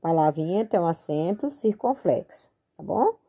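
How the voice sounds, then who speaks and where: A woman's voice: on the low side, animated, moderate pace, warm tone, slightly rough. A Brazilian woman teaching a patient spelling lesson at a board, spelling out and stretching words. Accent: Brazilian Portuguese. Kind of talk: slow spoken-out lesson at a board.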